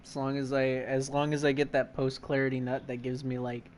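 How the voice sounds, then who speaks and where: A man's voice: mid-range voice, little pitch movement, fairly quick, darkish tone, a little hiss or hum. A young man co-hosting a podcast, chatting casually in a rambling, crude way full of fillers. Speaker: podcast co-host. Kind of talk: casual chat.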